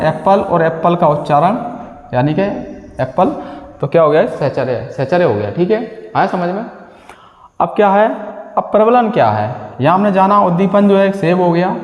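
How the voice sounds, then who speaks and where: Echoey Hindi-speaking teacher, self-quizzing. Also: male voice, high-pitched, darkish tone, highs cut off. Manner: asks questions and answers them himself, repeats key terms. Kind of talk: exam-prep lecture. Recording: echoey room with long reverb.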